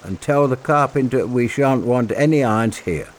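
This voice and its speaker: Man voicing a calm ship captain giving orders. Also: medium pitch, normal speed, close to an everyday voice. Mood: commanding. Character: calm, commanding middle-aged male ship captain.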